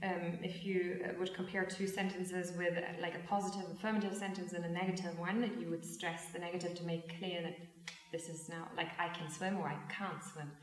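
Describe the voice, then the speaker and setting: A woman's voice: lowish voice, little pitch movement, brisk. A woman English teacher talking through an exam discussion, hesitant and full of fillers and restarts. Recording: echoey room, mic far off.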